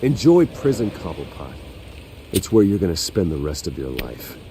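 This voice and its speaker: A man's voice: low-pitched, sing-song, moderate pace. A man acting a wealthy, guarded American hero in a video game, firm, terse and defiant. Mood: stern. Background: loud dramatic music.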